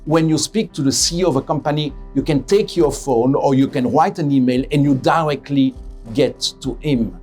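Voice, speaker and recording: A middle-aged man from Belgium, a head of radiation oncology giving a measured interview, often correcting himself and stressing key words. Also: on the high side, a little mellow, faint music behind. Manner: measured, self-correcting, emphatic. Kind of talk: interview testimonial.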